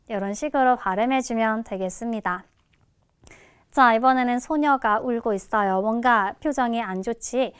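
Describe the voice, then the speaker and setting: A woman teaching English listening in a recorded lecture, addressing students casually and modelling each word's pronunciation slowly. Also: a little high, clean tone, dry recording, studio quality.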